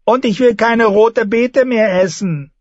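A man reading an audiobook, voicing a petulant, demanding boy king in a high, whiny voice. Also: unhurried, dry recording, highs cut off. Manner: whiny, insistent, pitched up high.

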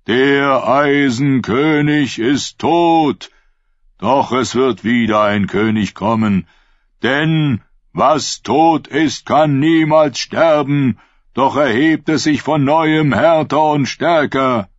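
A man voicing a fervent prophet in an audiobook, preaching to his followers in a slow, raised, solemn manner. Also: mid-range voice, dry recording, pitched above the performer's own voice, lightly acted. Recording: dull lo-fi dry recording.

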